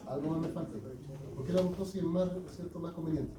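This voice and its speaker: A man teaches a class in a fairly high, fairly even voice, speaking fast and often stopping to ask his students check-in questions. The lecture is picked up from a distance in an echoey classroom, with noise in the background.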